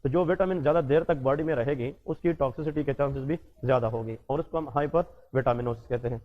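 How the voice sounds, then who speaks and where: A man's voice: mid-range voice, brisk. A male biochemistry lecturer giving a classroom lesson, often asking questions and answering them himself. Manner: repetitive, quizzing students and answering himself. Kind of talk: classroom lecture mixing Hindi and English. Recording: tinny phone-like sound.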